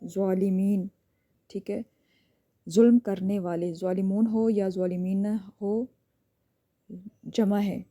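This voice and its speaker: A woman gives a recorded lesson in a very dark, mellow voice. She walks through each point step by step and keeps checking in with a short "okay" before moving on. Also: medium pitch, fairly even intonation. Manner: explains step by step, often checks with a quick "ठीक है". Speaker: teacher.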